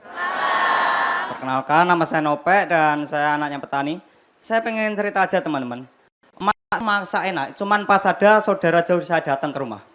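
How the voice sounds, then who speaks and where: A young man performing a stand-up comedy set on a TV studio stage, telling animated stories with acted-out voices and sound effects. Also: a little high, fairly quick. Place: television studio stage with live audience. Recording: noisy broadcast with loud crowd laughter. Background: audience laughter.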